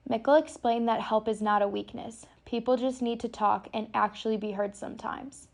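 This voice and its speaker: Young female student reporter, slightly high voice, scripted news narration. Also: steady tone, moderate pace, creaky. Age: young adult.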